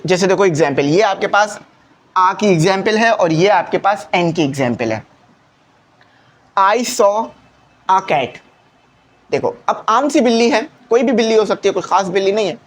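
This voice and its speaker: A man teaching a classroom grammar lesson who talks patiently, repeats his key points and keeps asking rhetorical questions. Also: sits high.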